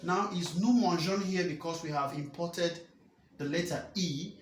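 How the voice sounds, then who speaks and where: A man's voice: a little high, a little slow, reverberant, a little hiss or hum. Patient man teaching French grammar. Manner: patient, repeats points, asks rhetorical checks. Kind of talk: explaining grammar lesson.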